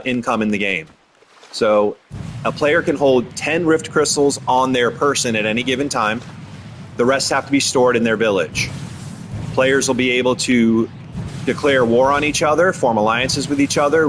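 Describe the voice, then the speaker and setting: A man hosting a game livestream, explaining his server rules in a relaxed, chatty way. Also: mid-range voice, moderate pace, background noise. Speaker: game streamer and server host. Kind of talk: casual livestream commentary.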